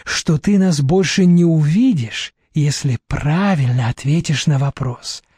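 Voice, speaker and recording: Man playing a slick young thug, sneering, menacing, mellow dark tone, dry close sound. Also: high voice, big pitch swings, a little slow, no room sound, exaggerated voice.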